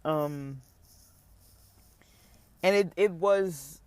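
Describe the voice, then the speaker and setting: A man's voice: a little high, extremely slow, smooth, no room sound. A tired man rambling casually through a vlog update about his online store, with lots of fillers and restarts. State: tired, yawning. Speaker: online seller vlogger.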